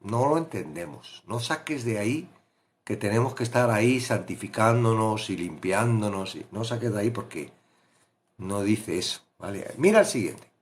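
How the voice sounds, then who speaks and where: A man's voice: on the low side, expressive, moderate pace. A man with a Peninsular Spanish accent teaching a Bible study, talking conversationally and asking rhetorical questions. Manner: conversational, asks rhetorical questions, acts out pleading voices.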